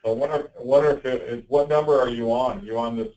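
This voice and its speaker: A man leading a sales team conference call, heard through a call speaker, talking in a halting, conversational way. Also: mid-range voice, steady tone, warm tone. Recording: muffled distant call audio.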